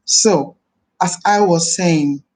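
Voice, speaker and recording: This woman in her thirties, a minister, chats slowly and a little mellowly on a live stream. Her voice runs deep this morning, and she's friendly, repeating phrases and blessing those watching.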